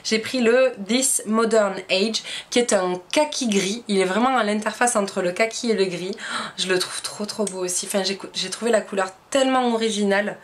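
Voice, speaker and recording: Speaking at a normal speed in a mid-range voice, this young French-accented woman is a beauty vlogger doing a casual haul chat to camera. She's enthusiastic and uses lots of fillers, and the audio carries a little hiss or hum.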